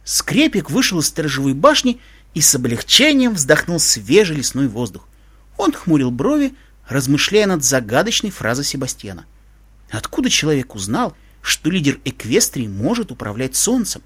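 Animated male audiobook narrator. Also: fairly high pitch, normal speed, breathy edge. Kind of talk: storybook narration.

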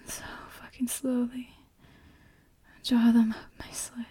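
A woman in an intimate, erotic whispered ASMR role-play for one adult listener, breathy and halting, speaking right in the ear. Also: on the high side, monotone, dark tone, no echo. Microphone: very close microphone, dry.

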